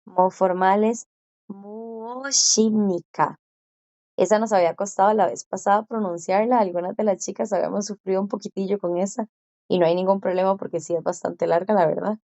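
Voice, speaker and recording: Patient teacher: woman, dark mellow voice, dry muffled sound, slow careful drills. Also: mid-range voice, steady tone, dry recording. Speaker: Korean language teacher. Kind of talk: classroom explanation.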